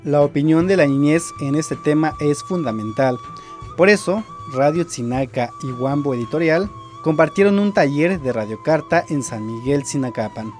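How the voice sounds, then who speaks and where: A man's voice: fairly high pitch, animated, moderate pace, a little mellow, soft background music. A man narrating a scripted radio segment in a plain, informative way.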